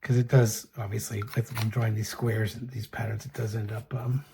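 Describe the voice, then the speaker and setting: A middle-aged man casually reviewing fountain pens and inks, talking in a soft, hesitant way with many fillers and restarts. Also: on the low side, level tone, a little fast, vocal fry, slight background noise. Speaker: pen and ink reviewer. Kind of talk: casual show-and-tell review.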